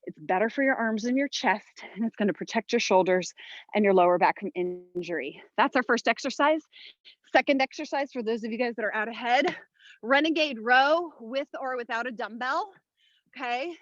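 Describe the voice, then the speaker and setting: A woman's voice: fairly high pitch, moderate pace, dry recording, highs cut off. A woman leading a follow-along workout as a fitness instructor, giving motivational short commands and counts while exerting herself. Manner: exerting while talking, audible breaths and sighs.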